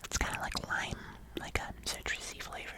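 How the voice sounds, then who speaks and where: The voice is a soft, fully whispered ASMR delivery, airy and unvoiced throughout. The host talks casually and a little hesitantly, as if chatting through a tasting video. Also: moderate pace. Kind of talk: whispered ASMR taste-test vlog.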